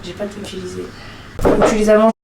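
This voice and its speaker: A young woman from France, eighteen, chatting casually to her viewers at home in an animated, self-mocking way. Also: mid-range voice, fast talker, background noise. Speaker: vlogger. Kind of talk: casual vlog chat to camera. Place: home, indoors. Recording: music playing clearly behind.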